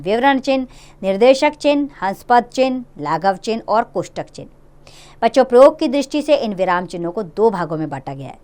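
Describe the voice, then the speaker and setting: Lively-voiced woman teaching children. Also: fairly high pitch, clear, resonant tone. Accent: Hindi. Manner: friendly, explanatory, addresses children directly. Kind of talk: children's grammar lesson.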